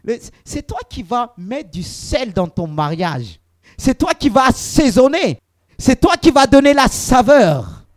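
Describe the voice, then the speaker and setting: A male pastor preaching a sermon to his congregation, swinging between loud exclamations and quiet asides, addressing the listeners directly. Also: extremely high pitch, big pitch swings, a little slow. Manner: addresses the congregation directly, mimics quoted spouses.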